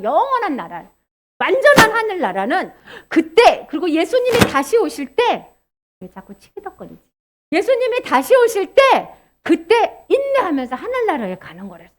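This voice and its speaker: A woman giving a children's sermon, animated and asking the children questions. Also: sits high, background noise. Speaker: children's preacher.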